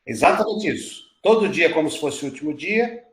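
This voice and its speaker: A man in his sixties leads a church class as its pastor. He talks in a relaxed, musing way and acts out stories with quoted dialogue. His voice carries a roomy echo. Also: a little high, brisk. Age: 60s.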